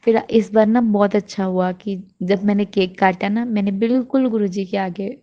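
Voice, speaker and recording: A woman's voice: medium pitch, fairly even intonation, normal speed, dull audio. Earnest young woman giving grateful thanks. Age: 20s. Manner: earnest, grateful, repeats thanks, mixes in English words. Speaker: devotee sharing a testimony. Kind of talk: devotional testimony, casual chat. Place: at home before a shrine.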